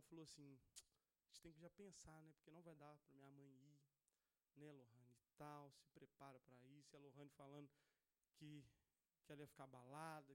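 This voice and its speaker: A man's voice: high voice, a bit bright, clean tone. A young man preaching a testimony in a church, in casual storytelling style with lots of slang. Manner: casual storytelling, says "velho" and "cara" often. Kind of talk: sermon testimony.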